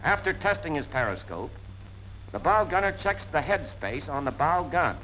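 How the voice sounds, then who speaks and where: Sounding like narration from a 1940s military training film, an American man delivers plain-spoken, punchy instruction at a moderate pace. His tone is bright and forceful, a little high and very animated. The film soundtrack carries noticeable noise.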